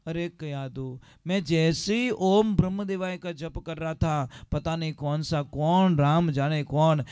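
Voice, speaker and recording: A man voicing a proud, angry demon king who talks in a loud, blustering, impatient way. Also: on the high side, a little slow, clear, resonant tone, dry recording, clean studio sound, close to an everyday voice.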